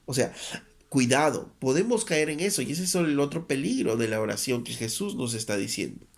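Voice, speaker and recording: A man preaching a Sunday sermon as pastor, reading scripture aloud and mimicking rushed, repetitive prayers to make his point. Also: medium pitch, animated.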